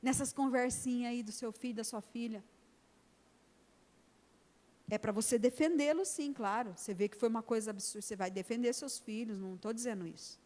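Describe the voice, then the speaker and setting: A woman's voice: a little high, brisk, mellow. A middle-aged Brazilian woman pastor preaching an emphatic sermon in a church, acting out conversations with her daughter. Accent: Brazilian Portuguese. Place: church hall. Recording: long church reverb.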